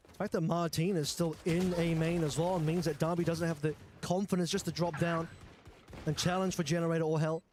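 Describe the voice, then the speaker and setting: A man's voice: on the high side, fairly even intonation, fairly quick, a little mellow, slight background noise. A man giving live esports commentary as a match caster.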